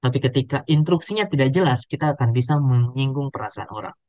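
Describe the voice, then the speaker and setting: Male public speaking trainer on a webinar, animated delivery, close dry sound. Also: mid-range voice, fast, dry recording, rough recording. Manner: animated, demonstrates intonation with drills. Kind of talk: webinar lesson.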